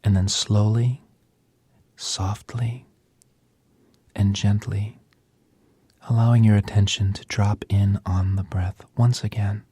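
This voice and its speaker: Really breathy soft-spoken guy doing guided meditation, half whispering, dark mellow tone, gentle w lots of pauses. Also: fairly low pitch, flat delivery, no room sound.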